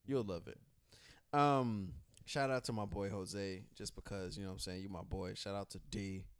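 A man hosting a podcast, chatting casually and profanely while giving shout-outs close to the mic. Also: sits low, steady tone, clean tone, no echo. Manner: profane, laid-back, drawn-out shout-outs. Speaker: podcast host.

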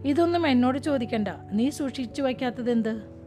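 A woman's voice: fairly high pitch, moderate pace, lightly acted. A woman reading as a nagging young husband. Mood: scolding. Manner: scolding, nagging questions. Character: fussy scolding young husband. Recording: music playing behind.

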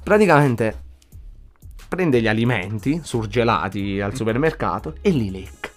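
A man's voice: lowish voice, lively intonation, measured pace, soft background music. A man from southern Italy co-hosting a casual chat, playful and often cutting in. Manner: interjecting, playful, bursts of loudness. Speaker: podcast co-host.

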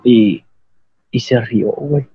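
A man's voice: mid-range voice, slow pace, slightly rough, dry recording, narrow, tinny audio. A young man with a Mexican accent telling a rambling, slangy, self-mocking story to friends on a call.

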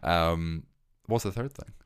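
A man hosting a casual chat, asking questions and explaining things in a relaxed way. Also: low-pitched, slow pace, smooth, no echo.

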